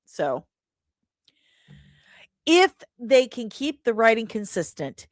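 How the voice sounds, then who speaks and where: On her entertainment news livestream, a woman reads and answers the chat with playful irreverence, slang, and pet names. Her high-leaning voice is very animated, though her pace is slow. The studio-quality audio has no echo.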